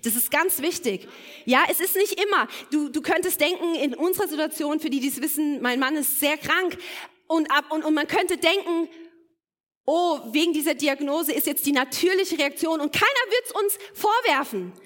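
A woman's voice: high voice, moderate pace, fairly bright tone. A woman preaching a sermon to her congregation, earnest and building to emphatic exhortation. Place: church hall. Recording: long reverb of a church hall.

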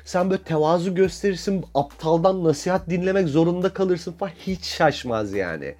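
A man's voice: high-pitched, expressive, a little fast, darkish tone. Ranting, profane man in his thirties. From Turkey. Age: 30s. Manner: ranting, profane, self-mocking; breaks into laughter often. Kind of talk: casual monologue.

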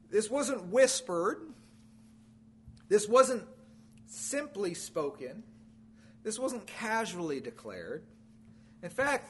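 A man preaching a sermon in an unusually high, bright voice, taking it slowly and deliberately. He hammers points through repetition, rising to loud declarations and sinking to low, quiet endings. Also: husky.

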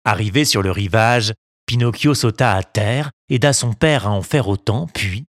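A reader narrating a storybook in a calm, measured and expressive way. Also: mid-range voice, no echo, studio quality.

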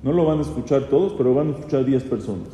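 A man's voice: medium pitch, fast talker, dark tone. A man, a rabbi teaching a class on religious law. He quizzes his students and repeats key phrases, mixing Hebrew terms into his speech. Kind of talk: Torah law lesson to students. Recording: echoey hall with long reverb, faint noise.

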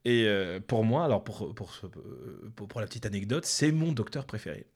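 A man's voice: on the low side, moderate pace, husky. A man co-hosting a podcast, chatting casually and telling anecdotes with frequent laughs and restarts. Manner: lively storyteller, laughs often, many restarts. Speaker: podcast co-host. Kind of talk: casual chat.

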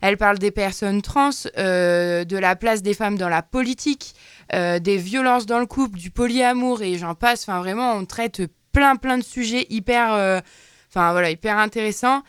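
Hesitant woman with a smooth voice. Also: mid-range voice, normal speed, a bit bright, no echo, studio quality. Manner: hesitant, many fillers. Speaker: radio show columnist. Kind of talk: presenting a TV series review.

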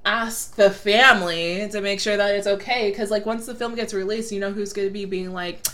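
A woman co-hosting a casual podcast chat, chatty and quick to laugh, trailing off with fillers. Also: medium pitch, steady tone, sharp tone, slight background noise. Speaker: podcast co-host.

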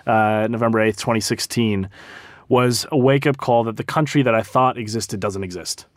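A man's voice: on the low side, normal speed, no echo, clean studio sound. An American man speaking as a panel guest, explaining politics in a thoughtful, conversational way. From United States.

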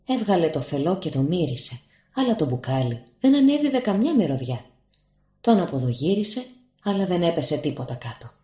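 Woman narrating a fairy tale, lowish voice, lively pitch, roomy echo.

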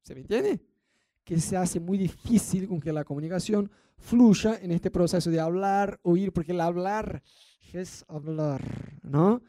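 A man with a Rioplatense Spanish accent gives a lively talk about marriage, voicing what husbands and wives say to make his point. His voice sits high but sounds mellow. The sound is close and dry. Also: measured pace, no room sound. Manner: acts out quoted spouses, rhetorical asides. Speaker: marriage speaker.

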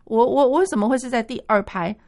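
A woman music teacher explaining a piano piece on the radio, singing rhythms aloud and thinking out loud with many fillers. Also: on the high side, fast. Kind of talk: radio music lesson chat.

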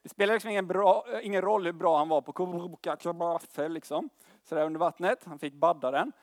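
A young man preaching a sermon in a conversational way, mixing slang with tag questions and swinging between loud calls and quiet, slow lines. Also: sits high, no room sound, clean studio sound.

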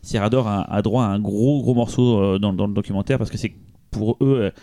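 A man's voice: fairly low pitch, fairly even intonation, brisk, dark tone, dry recording, clean studio sound. A man co-hosting a podcast, presenting a film in casual chat with frequent restarts and hesitations. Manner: rambling, many restarts and hesitations.

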